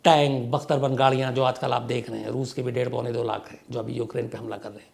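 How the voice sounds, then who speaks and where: A man's voice: medium pitch, little pitch movement, fast, creaky, darkish tone. A man narrating a history story in a conversational way, emphatic and asking rhetorical questions as he goes.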